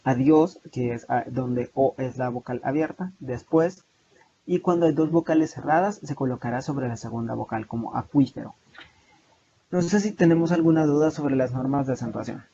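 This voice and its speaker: A man's voice: medium pitch, normal speed, warm tone. A young man with a Salvadoran Spanish accent, teaching an online class over slides, explaining steadily with many hesitations and restarts. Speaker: online tutor. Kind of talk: lecturing over video call slides. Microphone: video call mic. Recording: muffled lo-fi video call with faint noise.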